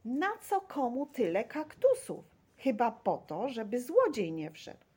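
A woman voicing a bold, cheeky young boy in a storybook reading, shouting and giggling. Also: on the high side, huge pitch swings, a little slow, husky, pitched above the performer's own voice, full character voice. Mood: excited. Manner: loud, giggly.

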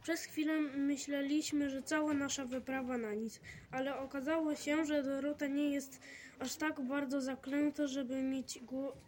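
A woman reads a children's storybook aloud in a high, lively voice. She reads expressively and stumbles now and then. A faint hum sits in the background. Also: measured pace. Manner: lively expressive reading with small slips. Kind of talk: storybook reading.

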